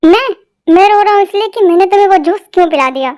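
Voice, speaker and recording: A woman voicing a patient, teasing young husband in an amateur fan dub, speaking softly and coaxingly. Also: very high voice, measured pace. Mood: exasperated.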